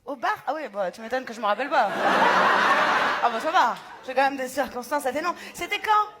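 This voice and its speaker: A woman's voice: high-pitched, animated, fairly quick. A woman in her forties doing stand-up crowd work and telling stories in a chatty, self-mocking way, laughing often. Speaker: stand-up comedian. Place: theater stage with live audience. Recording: loud crowd and noisy live recording. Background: loud audience laughter.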